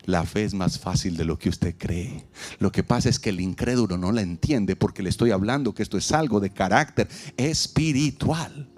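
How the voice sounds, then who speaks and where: A man, preaching an outdoor sermon as pastor, animated and humorous, acting out little dialogues and asking the crowd to repeat after him. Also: lowish voice, moderate pace. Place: outdoors in a parking lot.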